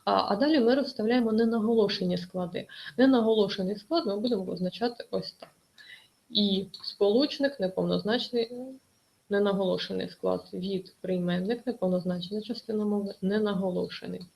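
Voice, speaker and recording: A woman's voice: medium pitch, brisk, creaky, darkish tone, poor audio. A woman teaching an online exam-prep lesson, explaining carefully with many hesitations.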